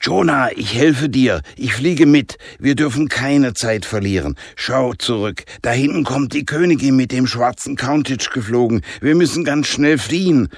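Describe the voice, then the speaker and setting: A man voicing a decisive, brisk teenage girl in a storybook adventure. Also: medium pitch, no room sound, clean studio sound, voice pushed up, natural voice. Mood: urgent. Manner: commanding, brisk.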